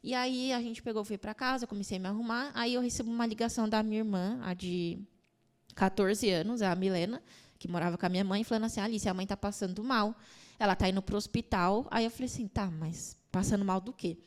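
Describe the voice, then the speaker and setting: A young woman speaks as a podcast guest, telling a personal story at a rushing clip. Her voice sits at an ordinary middle pitch. She keeps slipping into other people's words as she retells it, earnest and emotional. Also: fairly even intonation. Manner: rapid, emotional retelling with quoted dialogue.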